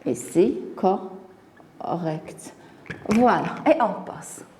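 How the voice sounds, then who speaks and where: Female teacher, unhurried classroom delivery, repeats and stresses words, mid pitch. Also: expressive, a little mellow, a little hiss or hum. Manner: slow, deliberate, repeats and stresses words for pupils. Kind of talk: classroom spelling lesson.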